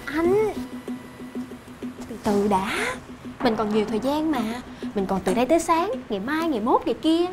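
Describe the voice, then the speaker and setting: An actress playing a fickle young mistress who whines and pleads, over background music. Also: female voice, high-pitched, animated, moderate pace, pauses often, noisy background. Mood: coaxing. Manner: whiny, pleading.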